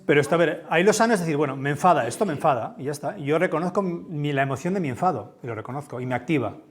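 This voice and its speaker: A man from with a big, booming voice gives a conference talk in a lecture room, speaking conversationally and often checking in with his listeners. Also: lively intonation, very fast. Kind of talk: conference talk with audience questions.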